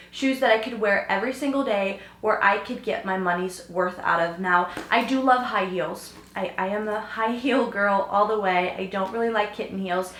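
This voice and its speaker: A woman's voice: medium pitch, a bit bright. A young woman in a casual vlog who is losing her voice, chatting eagerly with many fillers. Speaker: fashion vlogger. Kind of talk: casual chat to camera. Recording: roomy home recording.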